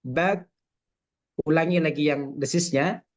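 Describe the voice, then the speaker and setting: A man's voice: a little high, lively intonation, measured pace. A man teaching Quran recitation in an online lesson, patiently repeating each sound to demonstrate it. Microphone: video call microphone. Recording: dull lo-fi online call audio.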